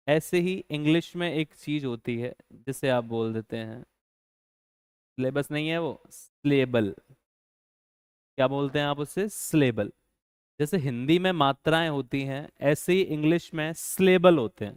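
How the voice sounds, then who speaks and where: A man's voice: on the high side, a little slow, smooth, no room sound, clean studio sound. A man teaching a grammar lesson, asking his students rhetorical questions and repeating key points. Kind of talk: classroom-style grammar lesson.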